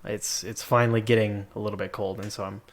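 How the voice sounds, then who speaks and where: Talking fast in a flat, fairly low-pitched voice, a male podcast co-host keeps the casual chat going with dry, joking understatement. The bare-walled empty room with a desk makes the recording echoey.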